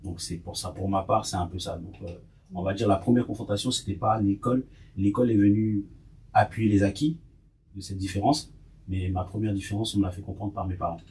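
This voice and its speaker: A man's voice: fairly low pitch, fairly even intonation, brisk, darkish tone. A man in his thirties from Côte d'Ivoire, a podcast guest, speaking reflectively and repeating himself. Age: 30s. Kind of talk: conversational testimony.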